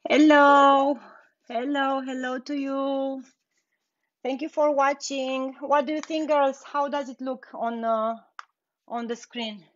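Her voice is high and fairly even in intonation as this young Romanian woman, speaking with a Romanian accent, slowly chats through a live furniture painting tutorial. She laughs easily, and the audio from her bare-walled indoor workshop has its highs cut off.

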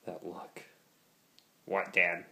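Here the young man speaks very slowly in a low, completely flat delivery, with vocal fry, a sharp tone and a little hiss or hum in the background. He's a dog trainer vlogger filming a casual handheld-camera vlog at the gym, the park and home, coaching a frisbee throw and chatting to his dogs, captured by the camera mic.

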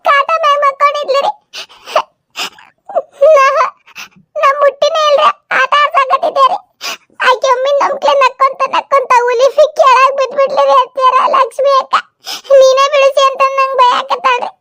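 A woman doing a shrill whiny young wife. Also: little pitch movement, normal speed, pushed and bright. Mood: protesting. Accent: North Karnataka Kannada. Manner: whiny, protesting innocence.

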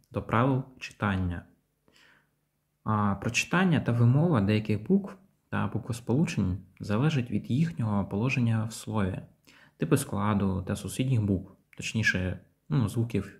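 Guy teaching english pronunciation, calm and patient, goes through sounds step by step. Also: on the low side, normal speed. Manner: patient, explains step by step, models example words. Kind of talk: pronunciation lesson.

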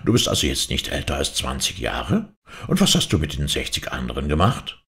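A man's voice: very deep voice, wildly swooping pitch, fairly quick, fairly bright tone, voice pushed down, heavily acted. A man voicing a curious, astonished woman who questions her friend in a fairy tale reading. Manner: wondering questions.

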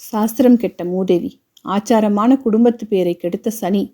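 A woman's voice: medium pitch, measured pace, natural voice. A woman doing a stern, scolding orthodox son. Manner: scolding, shouting through teeth. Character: stern middle-aged man, orthodox and harsh.

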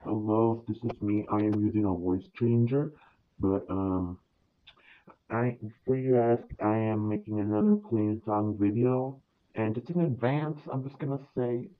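A video creator talking casually to viewers through a deep voice changer, hesitant with fillers and restarts. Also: lively intonation, unhurried. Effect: deep pitch-shifting voice changer. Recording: tinny phone-like sound.

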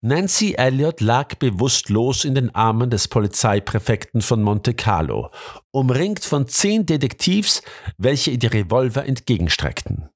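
Male narrator, dramatic audiobook reading, very animated pitch. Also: unhurried. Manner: dramatic storytelling.

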